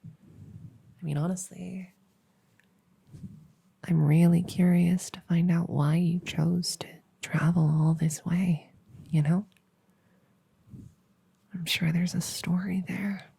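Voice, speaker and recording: A woman playing a nerdy, friendly elf girl in a soft, whispered ear cleaning ASMR role-play, rambling hesitantly and soothingly. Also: lowish voice, fairly even intonation, slow, pauses often, exaggerated voice. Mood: awkward, curious. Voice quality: breathy, soft. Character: nerdy, friendly, awkward young female elf cleaning ears.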